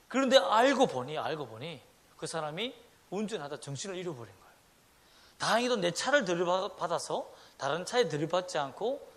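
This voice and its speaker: A middle-aged man preaching a Sunday sermon, swinging between loud emphatic lines and hushed ones. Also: high-pitched. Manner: animated preaching with sudden loud and soft swings, acting out quoted voices. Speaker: pastor.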